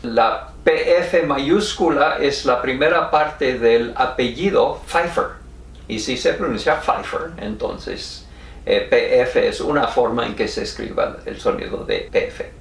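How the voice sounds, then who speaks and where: A man with an American accent explains spelling at an unhurried pace, spelling each letter out one by one. He sits back from the mic, so his voice sounds distant, and the room around him echoes. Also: medium pitch, gravelly. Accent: American English. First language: English. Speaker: teacher.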